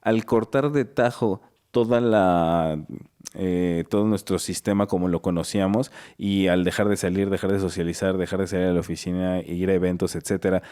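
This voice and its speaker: Guy cohosting a podcast, lowish smooth voice, thinks out loud and goes on long tangents. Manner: reflective, explains at length with many asides. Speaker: podcast co-host. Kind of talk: casual podcast chat.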